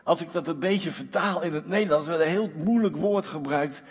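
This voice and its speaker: A man preaching a sermon as pastor, telling stories in a lively way and often repeating words as he goes. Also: fairly high pitch, moderate pace, husky. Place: church hall. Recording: long church hall reverb.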